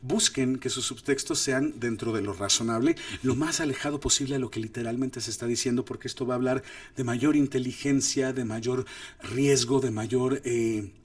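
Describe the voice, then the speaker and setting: A middle-aged man gives a relaxed acting masterclass, his pitch sitting in an ordinary middle range. He jumps into playful acted-out examples as he explains. He sits a little back from the mic in a dry room. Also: moderate pace, no room sound. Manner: animated, demonstrates lines with exaggerated voices. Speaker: host and filmmaker teaching acting. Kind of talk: casual masterclass talk. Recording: distant mic, dry sound.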